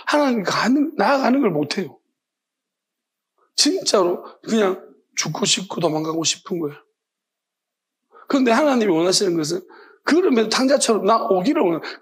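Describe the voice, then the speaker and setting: A man delivers a church sermon with a husky, breathy edge to his voice. He sits fairly high for a man and tells the story with animation, slipping into the voices of the people he quotes. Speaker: pastor.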